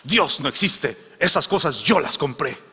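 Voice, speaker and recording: A taunting atheist neighbor who yells and gloats, as a preacher acts him out. The shout rings high and sharp, and the big hall carries a long reverb. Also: male voice, lively intonation, measured pace, husky, heavily acted. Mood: gloating. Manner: shouted, jeering.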